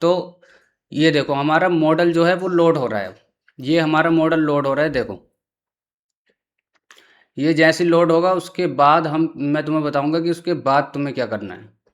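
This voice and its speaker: A man's voice: on the high side, moderate pace, pauses often. A man hosting a casual screen-recorded tutorial, chatty and often checking in with the viewer. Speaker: tutorial host.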